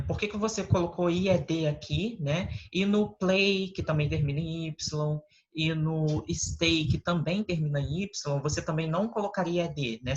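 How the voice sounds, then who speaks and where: A Brazilian English teacher with a Brazilian Portuguese accent, patiently explaining step by step in an online lesson over a video call. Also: medium pitch. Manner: patient, explains step by step, often adds tag questions. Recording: lo-fi call audio with faint noise.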